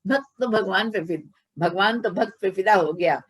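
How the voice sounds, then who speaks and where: A woman's voice: mid-range voice, moderate pace, a little hiss or hum, low-quality recording. A woman spiritual teacher giving a devotional discourse, chanting verses and leading call-and-response chants. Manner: demonstrative, chants Sanskrit verses.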